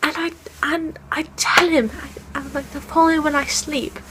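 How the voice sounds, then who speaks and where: A young woman playing a frightened young woman haunted by dreams of falling, in a hushed, halting voice that often drops to a whisper, recorded at home on a camera mic. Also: high voice, little pitch movement, background noise, natural voice. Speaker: vlogger. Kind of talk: in-character fan fiction vlog.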